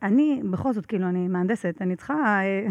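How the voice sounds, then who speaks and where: A woman, a podcast guest, telling a story in a casual interview, animated and laughing often, with lots of fillers. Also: mid-range voice, no room sound, muffled recording.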